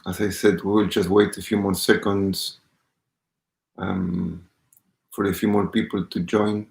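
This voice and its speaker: A man leading a live-streamed guided meditation as its teacher, speaking calmly and unhurriedly and greeting viewers by name. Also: deep voice, a little slow, gravelly. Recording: roomy echo.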